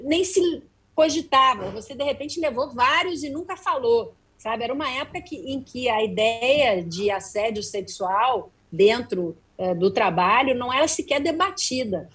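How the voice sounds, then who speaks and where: A woman's voice: on the high side, normal speed. A middle-aged woman, a guest journalist telling stories in an interview, acting out the dialogue. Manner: animated, acts out quoted dialogue. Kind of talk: interview storytelling. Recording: slightly distant from the mic.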